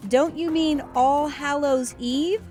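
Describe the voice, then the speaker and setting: A woman's voice: high voice, slow pace, a little mellow, soft background music, voice pushed up. A woman voicing a polite, proper young girl who speaks primly. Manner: prim and polite.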